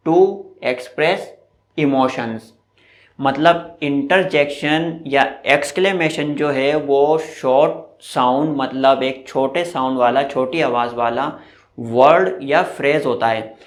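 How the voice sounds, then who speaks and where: A man teaching an English grammar lesson slowly and deliberately, mixing in English example phrases. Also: on the high side. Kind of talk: slow classroom-style lesson. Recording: echoey room.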